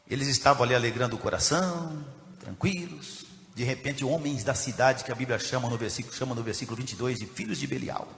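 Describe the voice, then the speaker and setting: A Brazilian man preaching a sermon as pastor, dropping from low, quiet reading into loud, shouted preaching. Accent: Brazilian Portuguese. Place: church hall. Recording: echoey hall with long reverb.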